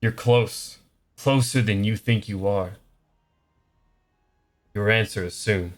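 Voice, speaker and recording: A man voicing a female fortune teller in a tabletop game, cryptic and halting as she gives vague prophecies. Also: lowish voice, fairly even intonation. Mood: solemn, cryptic.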